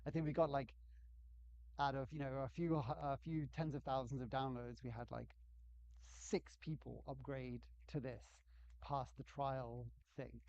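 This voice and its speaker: A man's voice: mid-range voice, steady tone, measured pace, a little mellow. A man giving a casual lecture on game development, chatty and self-deprecating, acting out quotes. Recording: dull, slightly lo-fi sound.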